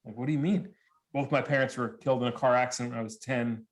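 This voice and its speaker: A man's voice: medium pitch, fast. A man giving a talk, telling stories with quoted dialogue and frequent laughter. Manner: animated storyteller, acts out quotes, laughs often. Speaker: speaker. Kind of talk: storytelling presentation.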